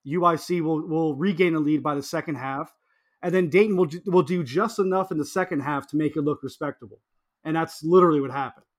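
Guy cohost on a sports pod, kinda high voice, fed up and resigned, repeats himself, on a computer mic. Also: a little fast. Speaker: podcast co-host. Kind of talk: casual sports chat. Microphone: computer microphone.

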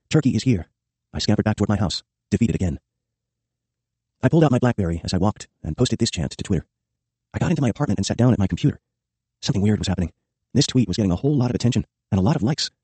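Male audiobook narrator, low mellow husky voice, very fast memoir read. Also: no room sound. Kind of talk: scripted first-person memoir narration.

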